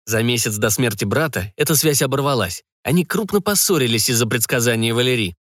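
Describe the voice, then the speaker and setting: A male narrator voicing a shy, earnest young man in an audiobook, speaking a touch higher than his own voice. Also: animated, fairly quick, a bit bright, no room sound, clean studio sound, natural voice. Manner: hesitant and earnest. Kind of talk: audiobook reading.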